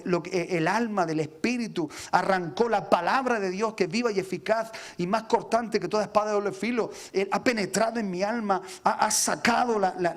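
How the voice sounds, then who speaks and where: A man, a pastor preaching an impassioned sermon who calls his listeners brothers and stumbles over repeated words as he presses his point. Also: high voice.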